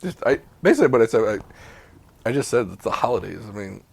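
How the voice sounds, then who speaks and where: A man in his mid-forties co-hosting a casual podcast chat, talking in animated bursts, cursing freely and restarting his sentences as he rambles. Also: on the low side, fast talker, gravelly, breathy edge. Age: 40s. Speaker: podcast co-host. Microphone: home podcast mic with mute button.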